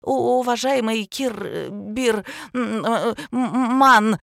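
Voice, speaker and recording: A woman's voice: fairly low pitch, sing-song, unhurried, dry recording, studio quality. A reader voicing a flustered female deputy head teacher who stumbles over words.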